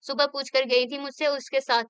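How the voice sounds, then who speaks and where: A woman voicing a sharp-tongued, scolding elderly aunt in a storybook reading, taunting and bitter. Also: high-pitched, little pitch movement, normal speed, no echo, lo-fi sound.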